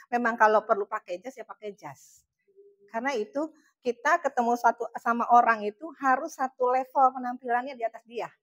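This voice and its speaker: High-pitched lady coaching a group, chatty and emphatic, laughs a lot. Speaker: motivational trainer for charity fundraisers. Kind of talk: casual motivational training talk.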